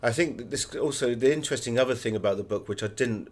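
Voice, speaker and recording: Fast-talking and medium-pitched, a male guest author tells anecdotes during a conversational interview, wandering through his explanations.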